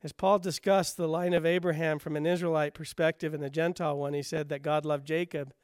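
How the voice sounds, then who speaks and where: A male pastor preaching a sermon, driving home rhetorical questions with emphasis, then dropping low and quiet. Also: flat delivery, brisk, clean tone, dry recording, clean studio sound.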